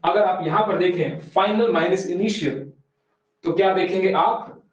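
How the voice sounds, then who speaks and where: Guy teaching a class, high voice, keeps asking students stuff, mic far off so its distant and dull. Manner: explains step by step, keeps asking students questions; reads English definitions very slowly. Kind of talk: online exam-prep class lecture. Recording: very echoey room, voice from far off, dull sound.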